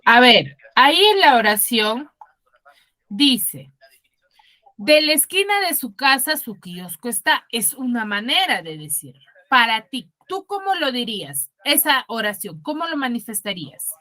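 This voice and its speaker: A woman's voice: on the high side, big pitch swings, measured pace, pushed and bright. A woman teacher with a Huaraz Peruvian accent, giving an online class over a video call. She keeps checking in with her students through tag questions and calls on them by name. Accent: Peruvian Spanish from Huaraz. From Peru. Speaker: secondary school teacher.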